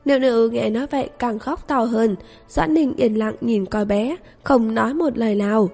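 A woman narrates a novel in a steady, even storytelling voice. Her voice is fairly high with a dark, gravelly tone. A long reverb and faint background music surround her. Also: normal speed. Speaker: audiobook narrator. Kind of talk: scripted narration.

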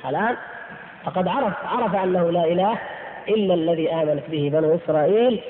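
A man's voice: sits high, fast. A man giving a recorded religious lesson, explaining step by step, repeating key phrases and addressing the listeners as brothers. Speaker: religious teacher. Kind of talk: audio lecture on creed. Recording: tinny, echoey hall recording with faint hiss.

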